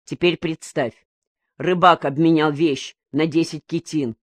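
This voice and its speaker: A calm older fisherman explains things quietly and patiently, as a woman reads him in an audiobook. The delivery is steady and close, with a dry sound. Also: deep voice, measured pace, dry recording.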